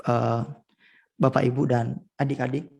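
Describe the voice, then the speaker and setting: A male pastor preaching a sermon at a school, telling stories with lively swings in pitch and volume. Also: unhurried, gravelly. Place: school event.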